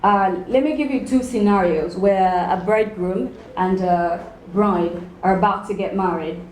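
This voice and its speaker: A woman hosting a talk show, asking her guests measured questions. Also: medium pitch, a little mellow. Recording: echoey studio with faint hum.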